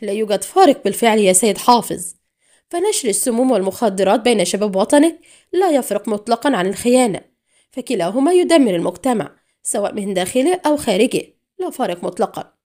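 A woman's voice: mid-range voice, racing. A woman reading an audiobook, voicing a defiant, sarcastic female agent held captive. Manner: calm, mocking defiance.

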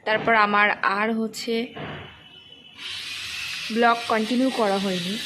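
Young woman with a croaky broken voice, chatty vlog into her phone, faint hiss behind. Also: medium pitch. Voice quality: rough, cracking voice. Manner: halting, stumbling over words. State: hoarse, voice gone rough. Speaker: vlogger. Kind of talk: casual daily vlog talk.

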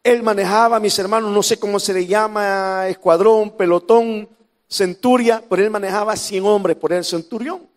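A male pastor with a Salvadoran Spanish accent preaching a sermon, jumping from shouts to hushed lines and tossing in humorous asides to the congregation. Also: high voice, fairly even intonation, moderate pace, big-room sound. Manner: preaching with sudden shouts and drops to near whispers.

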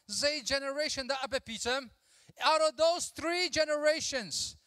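High, bright-voiced man preaching on a big stage. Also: no echo, studio quality, big-room sound. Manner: animated, mixes English with his own language, drills the crowd with call-and-response. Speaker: youth conference speaker. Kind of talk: energetic sermon to a youth audience. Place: large church auditorium stage. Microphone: handheld mic.

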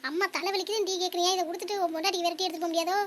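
A shrill, very high, squeaky cartoon mother, grumbling and nagging in one flat whine. She rattles off complaints at breakneck speed, never pausing for breath. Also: slight background noise. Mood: scolding. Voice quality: squeaky, rapid-fire complaining. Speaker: mother-in-law. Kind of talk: cartoon comedy voice acting.

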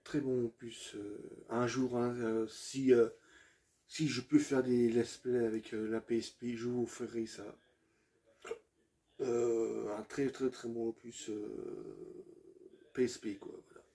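A man's voice: mid-range voice, slow pace, warm tone. A man presenting his video game collection in a casual, hesitant way, with many fillers and restarts, addressing viewers as friends.

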